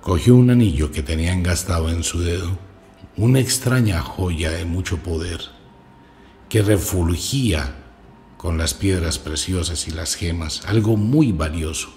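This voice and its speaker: A man, narrating a fable in a dramatic, animated way. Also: deep voice, measured pace, faint music behind. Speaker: radio storyteller. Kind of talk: storytelling.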